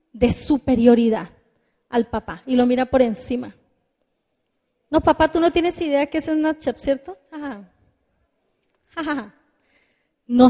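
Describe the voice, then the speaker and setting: A woman's voice: sits high, mellow, big-room sound. A middle-aged woman preaching a sermon, earnestly exhorting and putting direct questions to her listeners.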